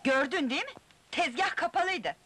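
A woman voicing a cruel cockroach stepmother who shouts and bullies. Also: lively intonation, moderate pace, over loud music. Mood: scornful. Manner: shrill, shouting, bullying.

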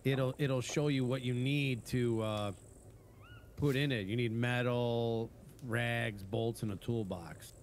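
A man's voice: mid-range voice, fairly even intonation, slow, a little hiss or hum. A man in his forties, explaining game mechanics in a laid-back, profane manner during a casual gaming chat. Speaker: fellow gamer.

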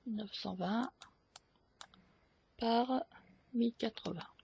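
A woman hosting a photo editing tutorial, explaining each step slowly with hesitant fillers. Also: on the high side, vocal fry, darkish tone, lo-fi sound, a little hiss or hum. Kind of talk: screen-recorded software tutorial.

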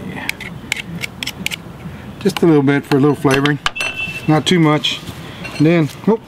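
A man's voice: on the high side, normal speed, noisy background. A middle-aged man, hosting a casual backyard cooking demonstration in a jolly, folksy, chatty manner. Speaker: cooking show host. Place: outdoor backyard grilling area.

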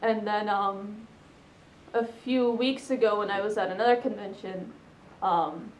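A woman's voice: medium pitch, fairly even intonation, measured pace, reverberant, a little hiss or hum, poor audio. A young adult woman answering interview questions casually, hesitant, with many "um"s and "like"s. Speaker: interviewee, fursuiter.

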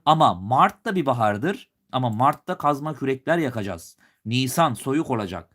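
This man's voice has a medium pitch, a fairly bright tone and lively intonation at a normal speed. He's a teacher from Turkey leading a live exam review, putting on a slight regional lilt at times over his Turkish accent. Going question by question, he asks things aloud and answers them himself.

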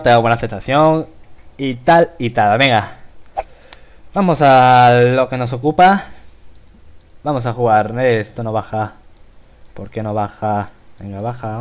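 A man with a Spain Spanish accent giving casual gameplay commentary, chatty and exclaiming at the game as he plays. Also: medium pitch. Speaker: gaming video host.

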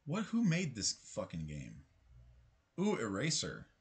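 A man's voice: lowish voice, huge pitch swings, measured pace. A man streaming gameplay live, chatting casually with his viewers, musing aloud and swearing now and then. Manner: chatty, swears, talks to chat.

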